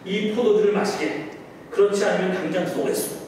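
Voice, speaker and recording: A male pastor voicing a dinner host in a sermon joke, gruff at first and then a teasing prankster, spoken slowly and with emphasis. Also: high voice, steady tone, darkish tone, slight background noise, close to an everyday voice. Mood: threatening. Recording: echoey hall, distant mic.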